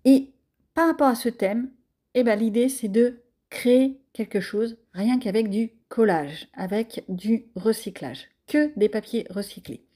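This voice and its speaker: A woman's voice: a little high, unhurried, dark tone. A French-accented woman chatting casually through a crafting tutorial, self-deprecating and full of fillers. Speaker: crafting vlogger.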